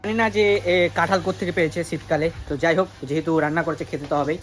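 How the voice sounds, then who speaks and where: A young man chatting casually to his viewers in a daily vlog, talking quickly and calling them guys. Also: on the high side, slight background noise. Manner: rapid chatty talk, addresses viewers as guys. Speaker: daily vlogger.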